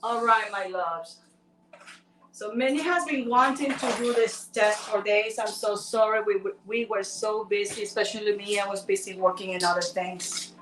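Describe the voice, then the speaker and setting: An Ecuadorian woman with a Spanish accent co-hosts a live stream, chatting playfully with viewers at normal speed in a medium-pitched voice. She's far from the mic, so the sound is roomy, with background noise.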